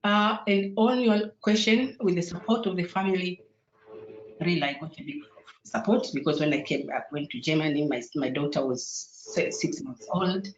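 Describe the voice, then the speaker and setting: Speaking at a moderate pace in a voice on the low side, this Sukuma-speaking woman from Tanzania is a guest on an online panel. She hesitates often, with many fillers and false starts, and her video call sound is dull and roomy.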